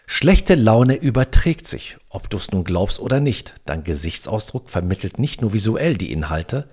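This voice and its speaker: A man's voice: fairly low pitch, a little mellow, breathy edge. A man hosting a podcast, coaching the listener on how to speak on the phone. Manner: coaching, addresses listener directly with exercises. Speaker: podcast host and sales coach. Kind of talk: instructive podcast monologue.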